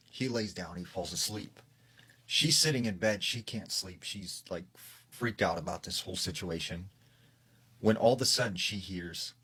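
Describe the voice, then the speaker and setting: Low-voiced man telling a scary story. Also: a bit bright, husky. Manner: casual, filler-heavy retelling. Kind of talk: casual scary story narration.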